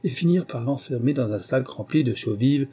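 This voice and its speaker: Dark, husky male storyteller. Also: mid-range voice, animated, brisk. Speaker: audiobook narrator. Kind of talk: storybook narration.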